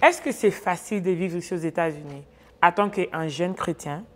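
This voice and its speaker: A young woman hosts a relaxed talk show, mixing French and English as she goes. She laughs easily and keeps things friendly. Her voice sits a little low for a woman. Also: normal speed. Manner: switches between French and English, laughs often. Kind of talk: casual hosted chat.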